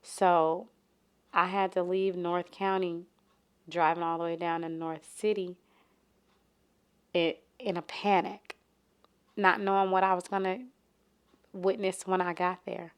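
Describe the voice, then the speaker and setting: A St. woman recounting a loss in a low, flat voice. She talks haltingly, with many fillers and restarts, and her emotion stays close to the surface. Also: clear, resonant tone. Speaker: interviewee, mother of a shooting victim. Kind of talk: personal testimony.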